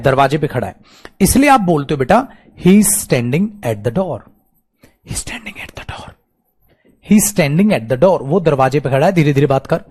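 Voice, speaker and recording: A male grammar teacher with an Indian English accent lectures in a high, lively voice that jumps up and down as he acts out little exchanges. He calls his students "beta" and mixes Hindi and English as he teaches. His voice sits above the usual range for a man. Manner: animated, acts out student replies and little dialogues. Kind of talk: online coaching class lecture.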